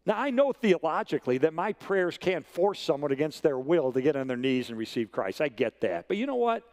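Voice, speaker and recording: With a brisk pace and a voice on the high side, this man in his sixties preaches as a guest, spinning lively stories. He leans on repetition, hammering certain phrases for emphasis.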